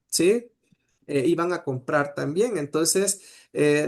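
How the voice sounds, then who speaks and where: A man's voice: a little high, creaky. Man teaching with lots of "eh". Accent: Salvadoran Spanish. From El Salvador. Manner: hesitant, many "eh" fillers and "¿sí?" checks. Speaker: Nahuat language teacher. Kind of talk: online class lecture.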